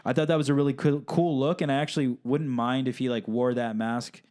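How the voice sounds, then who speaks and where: A man's voice: mid-range voice, steady tone, a little fast, a little mellow. A man co-hosting a podcast, talking casually about films with many fillers and restarts. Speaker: podcast co-host. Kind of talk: casual film discussion.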